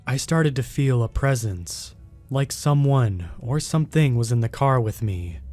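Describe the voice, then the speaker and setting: A man telling a first-person horror story as steady, unhurried scripted narration. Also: mid-range voice, faint music behind.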